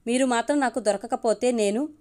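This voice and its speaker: A woman's voice: fairly high pitch, brisk, darkish tone, close to an everyday voice. A woman doing an earnest lovestruck young man. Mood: pleading. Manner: pleading, persistent.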